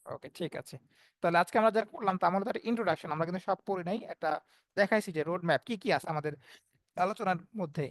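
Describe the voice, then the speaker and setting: A man's voice: sits high, very fast, no echo. A man teaching Quran recitation in an online class, explaining step by step and voicing the letter sounds as examples.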